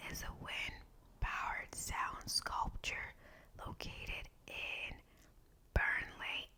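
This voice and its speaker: A woman speaks entirely in a breathy whisper, in the manner of an ASMR host reading out facts. Her delivery is slow and deliberate, with measured phrasing. The whisper has a bright, sharp edge.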